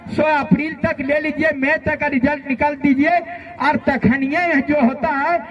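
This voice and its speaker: Speaking unhurriedly in a very high-pitched voice with fairly even intonation, a student leader with a Jharkhand accent delivers a fiery, colloquial political speech straight to students. The lo-fi audio captures a noisy outdoor rally and a loud crowd.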